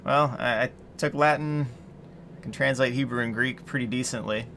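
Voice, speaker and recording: Medium in pitch and steady in tone, this streamer speaks at a moderate pace with a pushed, bright quality, and a little hiss or hum sits under the audio. In his late thirties, he works at the computer on a coding livestream, thinking aloud, replying to chat, and laughing frequently.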